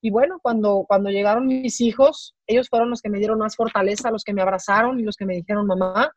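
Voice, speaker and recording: A middle-aged woman with a Mexican accent, telling a personal story as an interview guest, halting and repeating words as her voice breaks with emotion. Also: mid-range voice, fairly even intonation, no echo. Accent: Mexican Spanish. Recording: dry, slightly dull recording.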